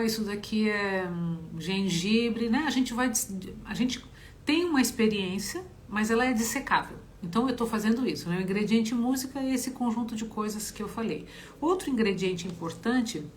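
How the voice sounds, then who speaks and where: A middle-aged woman talks through a live online singing lesson in a thoughtful, musing way, her pitch sitting in a middle range. She keeps asking her listeners a rhetorical "né?". The phone recording carries a faint hiss behind her. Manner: reflective, frequent rhetorical "né?". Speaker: singing teacher. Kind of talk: live-streamed lesson monologue.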